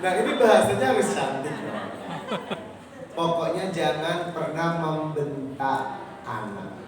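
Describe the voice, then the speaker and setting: A man's voice: a little high, takes it slowly, a crowd in the background. A man preaching in a mosque, telling stories, reciting verses and putting questions to his audience. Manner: lively storytelling, quotes verses and questions the audience. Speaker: Islamic preacher. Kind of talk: sermon. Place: mosque hall. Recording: echoey mosque hall from far off, noisy.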